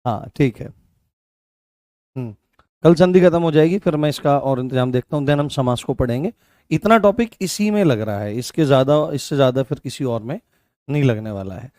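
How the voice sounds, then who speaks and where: A man's voice: medium pitch, lively intonation, moderate pace, darkish tone, no room sound, clean studio sound. A man teaching a live online class, repeating key points and asking his students questions.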